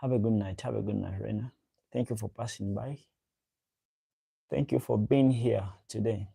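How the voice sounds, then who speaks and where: A livestream host whose first language is a local African language speaks with a fairly low pitch, fairly even intonation and a moderate pace. His voice has vocal fry, a warm tone and a slightly rough texture. He rambles and repeats himself, casually reading viewers' comments and chatting directly to them.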